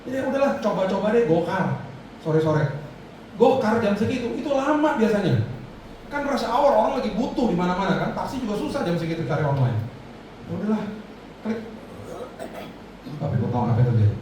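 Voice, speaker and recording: A man preaching a storytelling sermon, animated and acting out the voices of people in his story. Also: sits high, a little fast, long pauses. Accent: Indonesian. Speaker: pastor. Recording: echoey hall, far-off mic, noisy.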